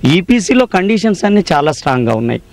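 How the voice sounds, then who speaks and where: Engineer guy, fairly high voice, dry close sound, explaining what went wrong. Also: big pitch swings, quick pace, vocal fry, dry recording. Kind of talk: interview statement.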